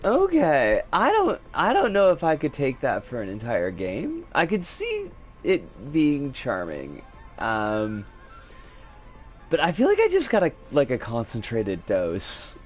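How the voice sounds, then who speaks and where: A man's voice: mid-range voice, huge pitch swings, slow, soft background music. A man chatting casually as a game streamer, with a sardonic, rambling, sweary manner. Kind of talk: casual livestream chat and commentary.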